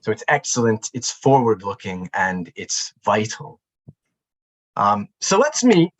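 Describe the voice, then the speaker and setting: A man hosting a literary panel, relaxed and encouraging, with frequent fillers. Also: on the low side, slightly rough, rough recording. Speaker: panel host.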